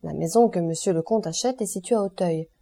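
A woman's voice: fairly low pitch, a little fast, gravelly, mellow. A woman reading the part of an eager, deferential male notary who speaks hesitantly, in an audiobook. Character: eager, obsequious small-town male notary.

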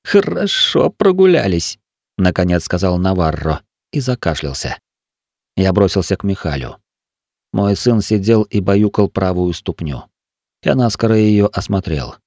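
Low-voiced man narrating an audiobook. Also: normal speed, dark tone, no echo, studio quality. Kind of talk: scripted first-person audiobook narration.

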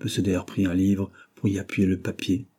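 A man narrating a novel in a steady, measured audiobook reading. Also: low-pitched, breathy edge. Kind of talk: scripted narration.

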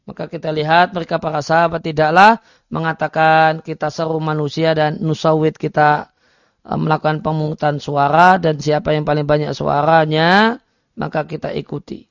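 A man delivers a religious study lecture, reading Arabic phrases and explaining them with many hesitation fillers. His voice sits a little high and has a gravelly edge. The recording is dry and dull, with a lo-fi sound. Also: no room sound. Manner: reads Arabic text then explains it, with frequent hesitation fillers. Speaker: Islamic religious teacher.

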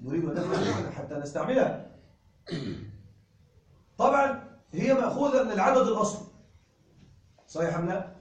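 A man's voice: high voice, big pitch swings, quick pace, pauses often, highs cut off. A man teaching an Arabic grammar lesson, drawing out words, repeating patterns and checking that his listeners follow. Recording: very echoey room, mic far off.

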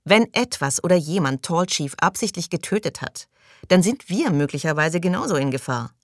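Sharp impatient woman, higher and cutting, man voicing her, dry sound. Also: animated, normal speed, no echo. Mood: exasperated. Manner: exasperated, cutting.

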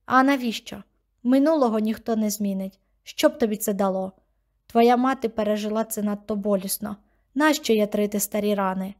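A woman's voice: medium pitch, normal speed, a little mellow, lightly acted. A woman voicing a cold, bossy old grandmother. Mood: curt. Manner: curt, commanding, scolding.

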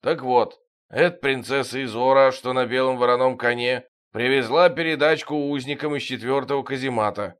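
A man reading a story aloud in even, subdued audiobook narration. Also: medium pitch, normal speed, clean tone.

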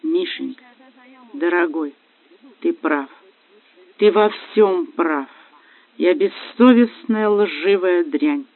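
A man's voice: sits high, slow, pauses often. A man voicing a desperate young wife who pleads through tears. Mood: pleading. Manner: pleading, tearful. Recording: dry, phone-like lo-fi.

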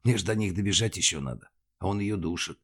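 A rattled young police officer, as a male audiobook narrator plays him, talking in rough, rambling bursts. The deep reader lifts his voice higher and louder for the part. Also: animated, fast talker, exaggerated voice. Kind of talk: audiobook character voice.

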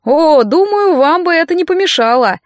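A woman reading an audiobook voices an excitable young male student who gloats and raises his voice eagerly. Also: very high voice, moderate pace, no echo, clean studio sound, pitched above the performer's own voice. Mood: gleeful. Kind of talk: audiobook character voice.

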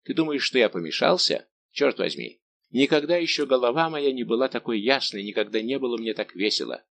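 A man's voice: medium pitch, expressive, a little fast, gravelly, a bit bright. A man voicing a bold male musketeer who speaks in a hearty, commanding way.

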